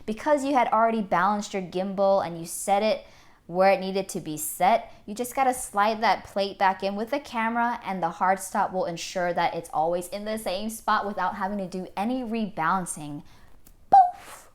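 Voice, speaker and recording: A woman videographer giving an upbeat, chatty product review in a vlog. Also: normal speed. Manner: upbeat and chatty, with lively jumps in pitch. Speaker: videographer reviewing camera gear.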